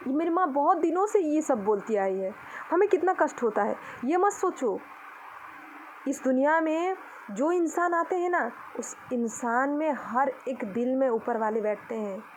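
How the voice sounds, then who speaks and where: Outdoors and speaking to the camera, a young vlogger from Odisha, India, delivers an impassioned, indignant talk, scolding and preaching to her critics. Her voice sits high, and the low-quality recording carries slight background noise.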